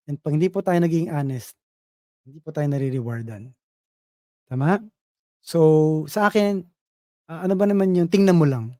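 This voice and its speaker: A man giving a motivational business presentation, telling a fable in a lively way and often checking in with the audience. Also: a little high, no room sound, studio quality. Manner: lively storytelling, asks audience "Tama?".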